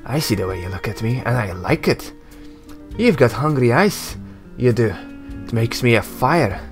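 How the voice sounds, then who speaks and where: A man voicing a sharp-tongued young tiefling woman in a game, mocking and teasing as he reads her lines. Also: medium pitch, lively intonation, moderate pace, gravelly, soft background music.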